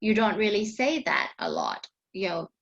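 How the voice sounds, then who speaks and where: A woman's voice: mid-range voice, wildly swooping pitch, extremely slow, vocal fry. A young Thai woman with a Thai accent teaching an online English vocabulary class, patient and often checking in with "okay". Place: online class with screen share. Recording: dull lo-fi online class audio.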